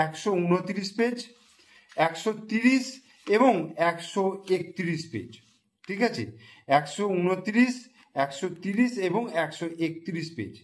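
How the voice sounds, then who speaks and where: A man tutoring young students, spelling words letter by letter and repeating them slowly. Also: high-pitched. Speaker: math and English tutor.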